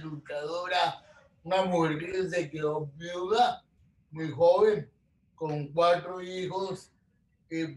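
Guy with a high voice telling his life story, earnest, keeps restarting, echoey room. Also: recorded from a distance. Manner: earnest, repeats words and restarts phrases. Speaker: guest, lawyer and social communicator. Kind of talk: storytelling in an interview. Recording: roomy echo, voice from off-mic.

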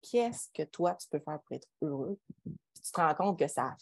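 A woman with a somewhat low voice and a Quebec French accent, in casual podcast conversation. She is emphatic and colloquial, often putting questions to the listener. The sound is close and dry. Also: lively intonation, normal speed, creaky, dry recording. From Quebec, Canada.

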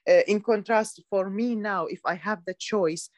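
A woman's voice: mid-range voice, normal speed, a little mellow. A woman from Syria, talking as a guest in a casual chat, often hesitant and restarting her sentences. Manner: hesitant, many restarts and fillers.

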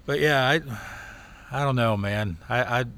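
A man's voice: medium pitch, measured pace, a bit bright. A man in a touring band, a guest in a casual chat, easygoing and a little hesitant, often repeating words.

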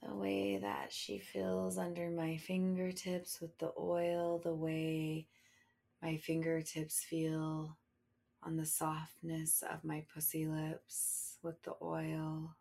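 A woman leads a sensual guided meditation as if speaking right into your ear. Her voice sits a little low and moves extremely slowly. She lingers on her words in a breathy murmur that at times nears a whisper. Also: monotone, mellow. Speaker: host of a sensual devotional show. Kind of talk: slow, sensual guided meditation, intimate and close.

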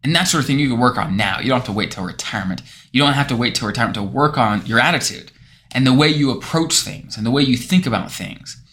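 A man's voice: mid-range voice, fast talker, sharp tone. A man hosting his channel as a financial planner, telling a story in casual talk to camera, with restarts.

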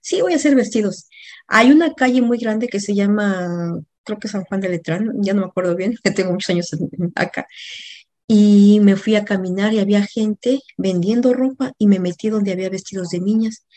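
A middle-aged woman with a Mexican accent tells a personal story, lively and anecdotal, stopping now and then to correct herself. Her voice is mellow and warm, sitting at an ordinary pitch for a woman. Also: moderate pace. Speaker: coach.

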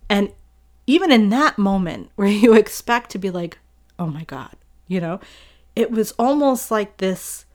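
A woman's voice: medium pitch, animated, measured pace, darkish tone. A young adult woman and mother, speaking in an earnest, reflective way, with many fillers and restarts. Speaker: parent sharing a personal story. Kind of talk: heartfelt personal monologue.

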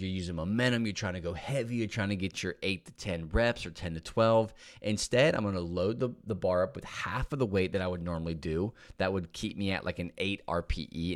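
A man with a fairly low voice coaches listeners through gym work in a relaxed podcast monologue. He talks as if chatting with a friend, doubling up words for emphasis and often pausing to ask "okay?" along the way. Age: adult with young kids. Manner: conversational, repeats words for emphasis, checks in with "okay?". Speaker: podcast host and back-pain fitness coach. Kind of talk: casual instructional podcast monologue.

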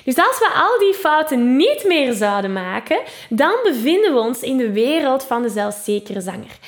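Flemish woman teaching singing, slightly high. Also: big pitch swings, normal speed. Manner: explains patiently, with frequent "hè" tags and sung vocal examples. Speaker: singing teacher and podcast host. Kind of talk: spoken vocal lesson with sung demonstrations.

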